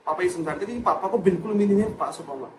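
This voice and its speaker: Young man, high-pitched, emotional personal vlog, repeats phrases, mixes in English, noisy recording. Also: very fast. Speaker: chartered accountant and exam coach. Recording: noisy background.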